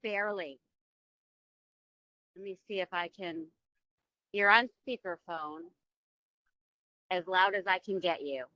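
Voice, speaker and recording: A woman's voice: lowish voice, slow, long pauses, bright, forceful tone, no echo. A woman heard over a phone speaker, calling in from an airport, answering interview questions hesitantly with many ums. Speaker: library board candidate. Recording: muffled lo-fi call audio.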